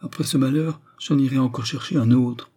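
A man reading aloud and voicing a naive young woman who speaks hesitantly and fearfully, often hushed. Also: medium pitch, fairly even intonation, a little fast, slightly rough, pitched above the performer's own voice, lightly acted.

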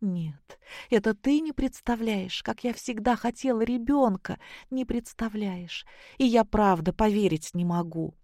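Reader voicing a young wife, soft and tearful, hushed lines, dry close sound. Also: mid-range voice, unhurried, dry recording, pitched above the performer's own voice, close to an everyday voice. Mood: emotional.

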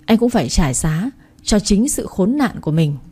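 A woman's voice: medium pitch, very animated, normal speed, warm tone, breathy edge. A woman voicing a stern, angry older father-in-law who runs the family company, speaking harshly in a storybook reading. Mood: scolding. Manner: harsh, scolding.

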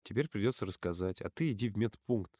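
A man voicing a calm, firm young man who speaks quietly and steadily in an audiobook. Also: on the low side, fast, dry recording, clean studio sound. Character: calm, firm young male camp counselor. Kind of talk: audiobook character voice.

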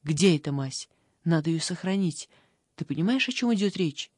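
A woman's voice: fairly low pitch, expressive, moderate pace, darkish tone, breathy edge, no echo, studio quality. A woman voicing a sensible, bossy older sister who is a thirteen-year-old girl in an audiobook. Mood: reasoning. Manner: reasoning, scolding, matter-of-fact. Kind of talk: audiobook character voice.

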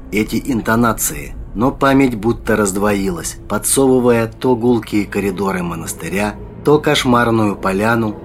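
A man narrating a dark fantasy audiobook in a measured storytelling manner, with faint music behind him. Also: on the low side.

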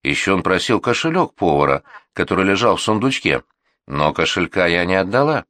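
A man's voice: low-pitched, big pitch swings, brisk, a bit bright, dry recording, studio quality. A male audiobook reader voicing an indignant, thrifty middle-aged housewife in a talkative, complaining way.

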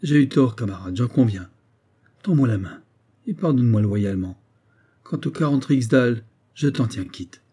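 A man's voice: mid-range voice, animated, normal speed, dark tone, slightly rough. A man voicing a proud, heartbroken young soldier with an emphatic delivery in an audiobook reading. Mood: conciliatory. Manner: pleading then heated, emphatic.

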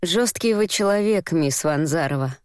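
A woman voicing a gruff, commanding male police lieutenant in an audiobook. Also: fairly low pitch, expressive, moderate pace, darkish tone, no room sound, pitched below the performer's own voice, natural voice. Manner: dry, commanding.

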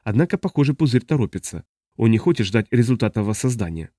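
A man voicing a cautious, measured advisory being. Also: mid-range voice, very animated, mellow, no echo, clean studio sound.

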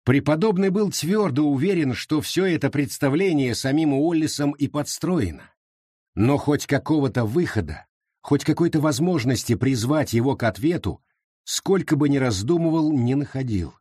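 A man narrating an audiobook with a dramatic, expressive reading. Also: a little high, moderate pace, breathy edge, no echo, clean studio sound. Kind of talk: scripted narration.

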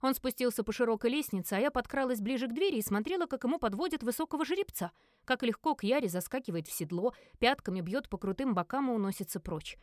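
A woman narrating a first-person audiobook in a lively acted reading, briefly giving each character a voice. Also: a little high, quick pace, few pauses, no echo, studio quality.

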